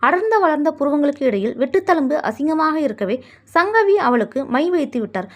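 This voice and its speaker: A woman storyteller reading a story aloud. Her voice is high and lively, with wide swings in pitch, and her narration is measured and expressive.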